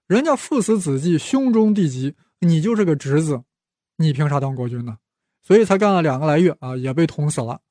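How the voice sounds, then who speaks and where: Man, podcast host, casual history storytelling, playful, chatty asides, slightly high voice, dry close sound. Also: dark tone, no room sound.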